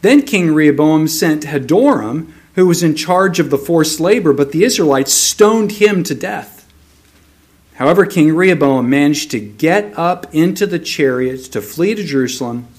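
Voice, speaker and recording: A man preaching a sermon, reading scripture aloud in a slow, measured way, then explaining it. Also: on the high side, lively intonation, a little mellow.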